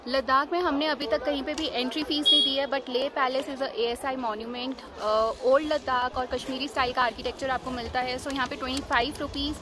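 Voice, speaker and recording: High-voiced chatty woman travel vlogger. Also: fairly even intonation, brisk, hardly any pauses, crowd noise. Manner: chatty, mixes English into Hindi, laughs often. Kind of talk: casual travel vlog. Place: outdoors in a mountain town. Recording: noisy outdoor background.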